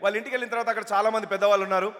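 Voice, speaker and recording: A man's voice: sits high, steady tone, rapid-fire, a bit bright. A male mimicry comedian chatting on a stage at a film event, setting up jokes in a reverberant hall.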